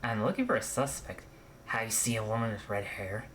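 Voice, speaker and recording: A woman's voice: rumbling low, lively intonation, brisk, a little hiss or hum. A woman streamer casually thinking aloud and reacting while playing a game, swearing now and then. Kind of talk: casual game let's-play commentary.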